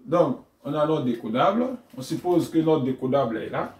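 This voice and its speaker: A man giving a tutorial for teachers, explaining lesson steps deliberately and chanting syllables aloud to show how they are read. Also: a little high, expressive, a little mellow. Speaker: teacher trainer. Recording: echoey room, voice from far off.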